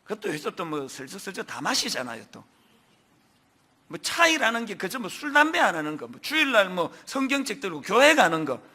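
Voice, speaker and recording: A middle-aged man delivers an earnest sermon from a church pulpit. His voice sits high and bright, swinging widely in pitch as he poses rhetorical questions and reads scripture aloud. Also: sing-song, brisk. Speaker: pastor. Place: church sanctuary.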